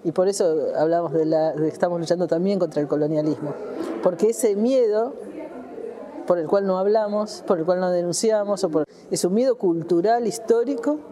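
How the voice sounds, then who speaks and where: A woman with an Argentine accent speaking earnestly as an activist guest in a radio interview, measured and often pausing on "eh". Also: on the low side, crowd noise. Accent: Argentine Spanish. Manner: measured, earnest, frequent "eh" fillers.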